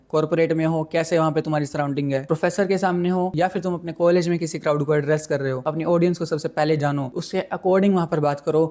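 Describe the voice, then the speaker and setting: Young male coach, fast and commanding, mellow low-toned delivery, blunt advice with English phrases mixed in. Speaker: communication skills coach. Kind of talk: direct-to-camera advice monologue.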